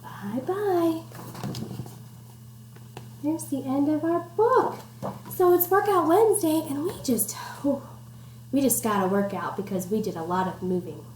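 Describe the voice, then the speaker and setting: Her voice is high and darkish in tone, with lively intonation at normal speed, as she does a playful, encouraging picture-book read-aloud for young children, asking them simple questions. A computer microphone picked it up, leaving a roomy echo and noticeable background noise.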